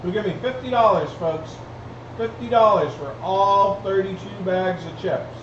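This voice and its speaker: A man with a high voice calls bids as an auctioneer at a live auction, repeating the numbers in a steady chant-like patter. He sounds some way from the microphone in an echoey room. The recording is dull. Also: measured pace. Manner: auctioneer's repetitive bid calling, addressing folks. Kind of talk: live online auction calling. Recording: roomy, distant mic, dull, clearly noisy.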